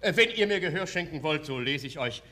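A vain playwright in a comedy play. His voice is high and piercingly forceful, pompously declaimed with wide swings of pitch. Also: lively intonation, a little fast. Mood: insistent. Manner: pompous, insistent, theatrical declaiming.

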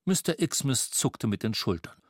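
Male storybook narrator, unhurried, animated delivery, dry studio sound. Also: medium pitch, dry recording. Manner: lively, expressive reading. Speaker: audiobook narrator.

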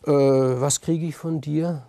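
A man's voice: on the high side, fairly even intonation, slow, creaky, warm tone, no echo, voice pushed up. A man voicing a lecherous old sea god who bargains slyly, in a told myth.

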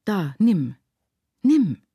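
A woman's voice: lowish voice, sing-song, unhurried, warm tone, husky, no room sound, pitched above the performer's own voice, heavily acted. A woman reading aloud, voicing an anguished, poor widowed village mother who speaks urgently and vehemently.

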